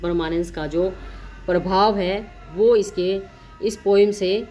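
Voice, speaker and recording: A woman teacher giving an exam-prep lecture. She explains in Hindi and reads the English questions aloud slowly, often checking in with her listeners and correcting herself as she goes. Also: lowish voice, dark tone, slight background noise, low-quality recording. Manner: frequent self-corrections and "theek hai" check-ins.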